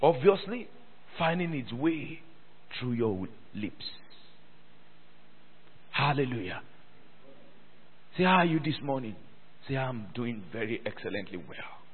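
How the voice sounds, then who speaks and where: Preaching slowly in a mid-range, sing-song voice with a breathy edge and long pauses, a pastor repeats phrases and calls for congregation responses. It's recorded in a church hall, sounding thin and phone-like with long reverb.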